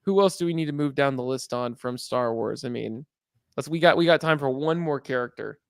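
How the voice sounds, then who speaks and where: A man's voice: mid-range voice, a little fast, vocal fry, clear, resonant tone, no room sound, studio quality. A man hosting a podcast in casual, rambling chat, joking and laughing often. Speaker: podcast host.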